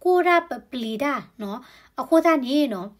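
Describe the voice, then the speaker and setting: A woman's voice: high voice, expressive, normal speed. A woman explaining health topics in a conversational way, often adding tag particles to her sentences. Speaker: health educator.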